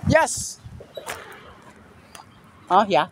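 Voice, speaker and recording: A young man films himself on a phone held at arm's length while walking down a small-town street, excitedly repeating exclamations about a storm moving in. His voice is high-pitched and he speaks very slowly. Street noise from outdoors fills the casual vlog.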